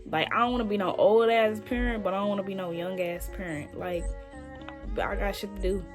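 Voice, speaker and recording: A woman's voice: medium pitch, steady tone, a little fast. A young woman chatting casually on video with strangers, blunt, slangy and full of swearing. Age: young adult. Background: music.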